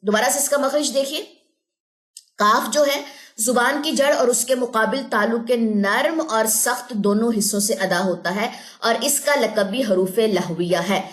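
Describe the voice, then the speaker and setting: Young woman tajweed teacher with a fairly high voice, patient and methodical, drills sounds slowly. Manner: explains step by step, checks understanding with "theek hai ji"; drills syllables slowly and drawn out. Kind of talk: online lesson.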